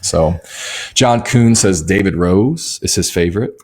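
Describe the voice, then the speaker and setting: A man's voice: low voice, unhurried, a little mellow, slightly rough. A man in his forties co-hosting a casual live-stream chat with his wife, joking and reading out viewer comments. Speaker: co-host.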